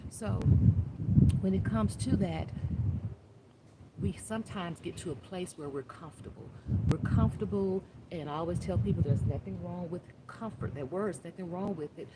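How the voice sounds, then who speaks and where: A woman's voice: fairly low pitch, moderate pace. A woman in her fifties gives a casual, rambling inspirational talk as a life coach, with asides and restarts, speaking outdoors in the wind. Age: 50s. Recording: noisy outdoor recording with wind.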